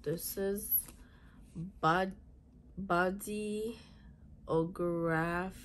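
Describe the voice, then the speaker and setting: In a small indoor bedroom with a fluffy chair, a beauty vlogger in her thirties chats through an unboxing, haltingly reading product labels aloud. Her voice is fairly low and steady, hoarse, raspy and congested from a cold, with a slight hiss or hum.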